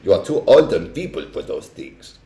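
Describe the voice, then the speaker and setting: A man voicing a domineering female witch leader with a shrill, theatrical voice. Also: very animated, moderate pace, warm tone, roomy sound. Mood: imperious.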